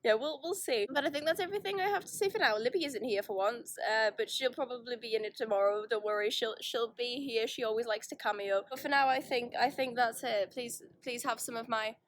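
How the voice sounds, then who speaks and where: A young woman rambles casually through a holiday vlog, filming on a phone she holds in her hand, so it sounds like a phone video. Her voice is fairly high and a little quick, with hardly any pauses, and she's self-deprecating, often restarting her sentences.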